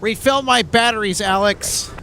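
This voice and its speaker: A man's voice: sits high, normal speed, a crowd in the background. A man hosting a live stream outdoors, giving casual commentary on aircraft movements. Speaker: livestream host and plane spotter. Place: outdoors near an airport. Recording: outdoor airfield with faint vehicle noise.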